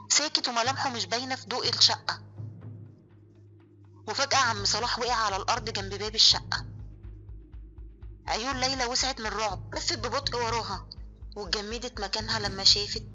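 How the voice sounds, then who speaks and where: A woman's voice: on the high side, pushed and bright, highs cut off. A woman with an Egyptian accent narrating a horror story in a suspenseful, vivid way. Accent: Egyptian Arabic. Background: faint music.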